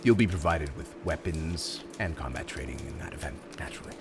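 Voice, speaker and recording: Very deep and gravelly, pushed down and fairly quick, a man's voice sounds over music. He is acting as an urbane, smug supervillain in an ASMR roleplay, interviewing a prospective minion with courteous, theatrical emphasis and a smug, businesslike mood.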